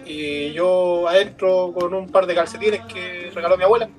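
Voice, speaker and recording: A man's voice: high voice, steady tone, normal speed, soft background music. A man telling a comic childhood story in casual, crude slang.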